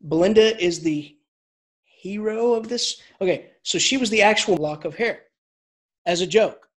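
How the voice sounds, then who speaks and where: A man with a high-pitched voice lectures as an English professor, taking his time. The talk is casual and animated, full of restarted sentences and chuckled asides.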